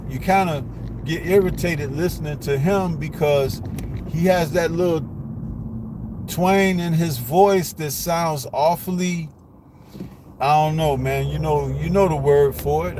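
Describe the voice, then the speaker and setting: A man hosting a live boxing commentary stream, blunt and rambling, with lots of rhetorical questions. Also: a little high. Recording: noisy live stream with street and car noise.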